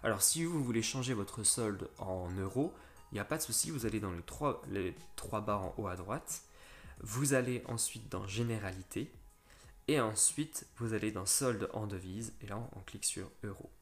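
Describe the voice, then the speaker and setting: A man's voice: fairly low pitch, normal speed. A man hosting a casual step-by-step tutorial, talking viewers through an app with frequent restarts. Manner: step-by-step, fillers and restarts, addresses viewers directly. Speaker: crypto tutorial host.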